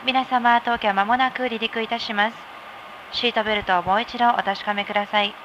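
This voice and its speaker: A woman flight attendant reads a formal announcement at a very rapid pace. Her voice is fairly high and polite. It comes through a muffled cabin speaker with clear aircraft noise behind it. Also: fairly even intonation.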